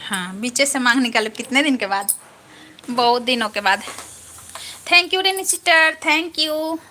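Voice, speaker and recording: Woman going live on her phone at home, high voice, thanks viewers one by one, chatty. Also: expressive, unhurried, sharp tone, a little hiss or hum. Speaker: live-stream vlogger. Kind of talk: casual live-stream chat with viewers.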